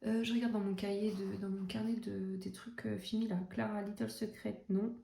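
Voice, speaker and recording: Chatty woman with a mellow voice. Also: mid-range voice, little pitch movement, normal speed, vocal fry. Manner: chatty, self-mocking, many fillers. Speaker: coloring vlogger. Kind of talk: casual chat. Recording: echoey room, faint noise.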